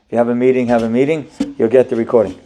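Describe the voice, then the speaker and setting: A man, a rabbi, giving an animated sermon that teaches through questions. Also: medium pitch, racing, noisy background.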